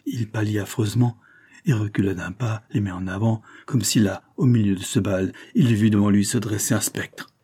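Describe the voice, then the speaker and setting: A man narrating a classic novel in a measured, dramatic way. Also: on the low side, steady tone, dark tone, slightly rough. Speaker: audiobook narrator.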